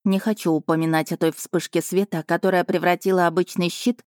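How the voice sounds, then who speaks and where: A woman narrating a fantasy audiobook in the first person, with measured and lightly wry storytelling. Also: lowish voice, little pitch movement, a little mellow, no room sound, studio quality.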